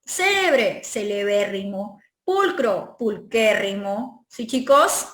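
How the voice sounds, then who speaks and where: A woman with a Peruvian Spanish accent teaching an exam review lesson. She explains step by step, drawing out the example words and checking in often with quick tag questions. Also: sits high, expressive, a bit bright. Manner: stretches out and stresses example words. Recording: echoey room.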